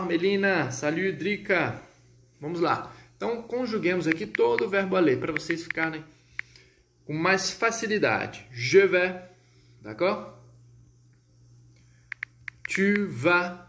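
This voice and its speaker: A man whose accent is Brazilian Portuguese gives a live web lesson in French, breaking it down step by step, checking on viewers often, and pronouncing French slowly and clearly. His high voice has lively intonation and a fairly bright tone, and the room is echoey.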